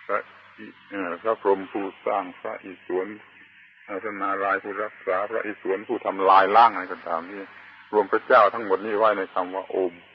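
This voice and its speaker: Low-voiced man giving a slow sermon. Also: little pitch movement, muffled recording, slight background noise. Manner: slow and deliberate, with long pauses and emphatic chanted words. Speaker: Buddhist preacher. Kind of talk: Dharma sermon.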